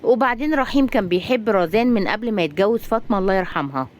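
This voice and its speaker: A woman's voice: mid-range voice, lively intonation, very fast, lightly acted. A woman with an Egyptian accent voicing a chatty, scheming older grandmother. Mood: chatty, plotting. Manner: chatty, conspiratorial.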